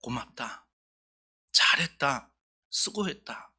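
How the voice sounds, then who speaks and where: A man voicing God, who speaks gently and reassuringly to a weary believer in a soft, near-whispered voice. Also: medium pitch, sing-song, takes it slowly, husky, full character voice.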